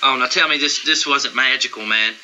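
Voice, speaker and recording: A man's voice: mid-range voice, a little fast, pushed and bright, muffled recording, slight background noise. A man co-hosting a casual show, joking crudely and laughing often as he comments on a film trailer. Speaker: podcast co-host.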